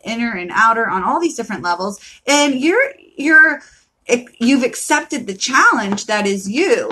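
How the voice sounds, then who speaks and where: A woman's voice: on the high side, sharp tone, rough recording. A woman reading tarot cards on a live stream, casual and emphatic, with a profane pep-talk style.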